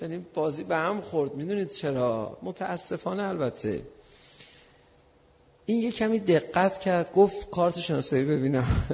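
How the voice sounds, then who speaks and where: A man with a fairly high voice delivers a sermon and tells a personal story with lively energy. He acts out heated exchanges as he speaks. His voice rings out with a long reverb in a large hall. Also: creaky. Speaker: preacher.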